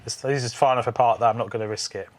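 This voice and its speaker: A man's voice: mid-range voice, steady tone, rapid-fire. Man, puzzle host, dry wry humour, casual thinking aloud. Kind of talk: casual chat solving a puzzle game.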